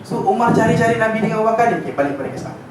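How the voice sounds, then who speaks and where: A man with a Malaysian accent giving an informal religious lecture to a class, telling the story with lively energy and often checking that his listeners follow. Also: high voice, rapid-fire. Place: lecture room with an audience. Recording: echoey room, distant mic, background noise.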